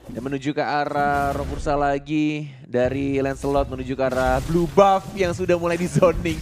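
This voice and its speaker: A man with an Indonesian accent giving live play-by-play esports commentary, excitable and shouting rapid calls at big moments. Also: a little high, a little hiss or hum. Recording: loud music under the commentary.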